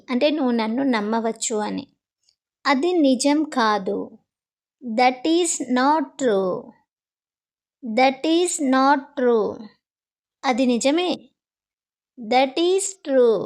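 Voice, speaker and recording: A woman teaching everyday English sentences in slow, deliberate drills, saying each phrase twice. Her voice sits high and her delivery is very unhurried, with careful pauses between words. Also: rough recording.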